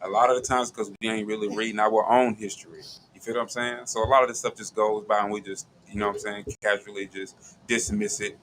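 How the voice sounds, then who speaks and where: A man's voice: on the low side, little pitch movement, fast, fairly bright tone, a little hiss or hum, rough recording. A man hosting a casual radio talk show, laid-back and conversational, who often checks in with his listener. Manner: laid-back, conversational, often says "you feel what I'm saying". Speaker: show host. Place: radio studio.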